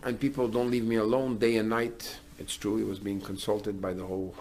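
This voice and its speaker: A man's voice: lowish voice, flat delivery, brisk, a little mellow, a little hiss or hum. A middle-aged man, a rabbi, giving a sermon in an earnest way, building to emphatic declarations.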